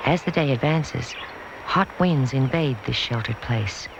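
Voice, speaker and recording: A man giving calm, measured, poetic scripted narration for a nature documentary, heard from a worn VHS tape copy. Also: mid-range voice, creaky. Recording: dull hissy worn videotape dub.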